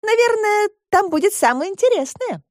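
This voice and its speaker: A woman reader voicing a bold, inventive little girl in an audiobook, with a high, eager childlike delivery. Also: lively intonation, normal speed, no echo, clean studio sound. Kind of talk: audiobook reading.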